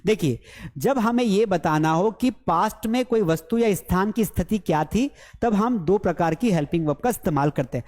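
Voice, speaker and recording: An Indian man with a Hindi accent, teaching a live English class, drilling pronunciation again and again in a lively way. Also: sits high, normal speed, in a large hall. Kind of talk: live online class lecture.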